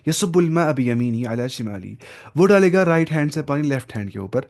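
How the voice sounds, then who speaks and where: A man teaching an Arabic lesson, reading each Arabic phrase slowly and then explaining it in with English words mixed in. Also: a little high, expressive, darkish tone.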